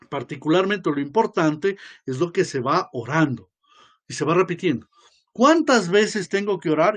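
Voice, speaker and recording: Archbishop type, high-pitched man, loose lecturing delivery with asides and tag questions. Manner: conversational, often adds tag questions; acts out quoted voices. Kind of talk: informal religious lecture.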